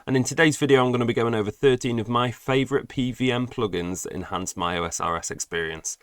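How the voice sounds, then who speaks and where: A young man with a cold narrates a gaming guide tutorial on game plugins, chatty and explanatory with dry asides. He talks fast at a medium pitch, and there's no echo.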